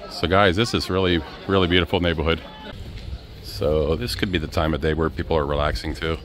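A man with a low, deep voice narrates a casual walking tour out in the streets. He talks in a relaxed, chatty way and keeps calling his viewers "guys". Faint traffic hums in the background. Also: a little fast. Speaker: travel vlogger. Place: outdoors on city streets. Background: faint street and traffic noise.

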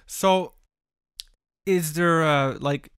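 A man hosts an interview in easy, joking chat. His slightly high voice sounds smooth and resonant, recorded close and dry. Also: extremely slow, fairly bright tone, no room sound. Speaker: interviewer host.

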